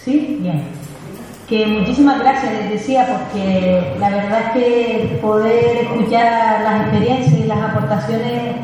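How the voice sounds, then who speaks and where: A woman's voice: a little high, fairly even intonation, a little slow. A woman moderating a public discussion in a thoughtful way, often ending phrases with a questioning tag. Her voice rings with a heavy cathedral-like echo in a large hall. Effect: heavy cathedral-like echo from the hall's speakers. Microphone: room microphone over loudspeakers. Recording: echoey hall from far off, faint noise.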